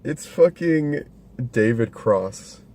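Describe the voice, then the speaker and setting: Mellow-voiced rambling guy, casual chat. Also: mid-range voice, lively intonation, slow pace. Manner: rambling, laughs often, swears casually. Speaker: podcast co-host reviewing a movie. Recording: faint background noise.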